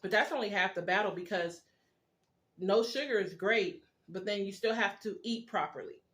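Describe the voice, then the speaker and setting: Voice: medium pitch, normal speed, a bit bright. Casual vlogger chewing while talking. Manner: chewing and talking with food in mouth; rambling, informal, confiding. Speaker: video blogger. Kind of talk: casual chat while eating, mukbang style.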